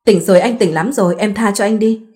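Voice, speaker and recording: A man's voice: sits high, fast, a little mellow, natural voice. A woman voicing a pitiful lovesick young village man who pleads and whines in a read-aloud story. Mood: whimpering. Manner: whiny pleading.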